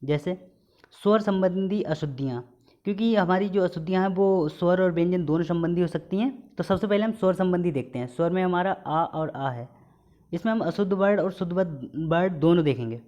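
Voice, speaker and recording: A man's voice: sits high, fairly quick, darkish tone. A man teaching Hindi spelling for exam prep, calling out a wrong word and then the right one, over and over. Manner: reads word pairs, correct against wrong, with repeated stress. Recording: dull lo-fi recording.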